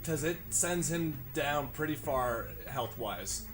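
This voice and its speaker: A man running a tabletop game as game master, talking in a relaxed, casual way and swearing freely. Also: mid-range voice, takes it slowly. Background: background music.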